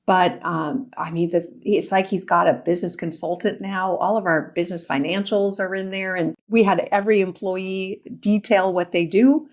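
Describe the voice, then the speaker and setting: A woman's voice: mid-range voice, steady tone, moderate pace, few pauses. A middle-aged woman chatting casually as a podcast co-host. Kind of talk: casual chat. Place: remote, in an old stone cellar described as a cave.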